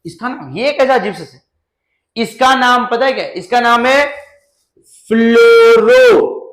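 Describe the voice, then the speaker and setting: A male chemistry teacher giving a lively lecture, asking his students questions and answering them himself, with jokes along the way. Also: very high voice, moderate pace, echoey room, rough recording.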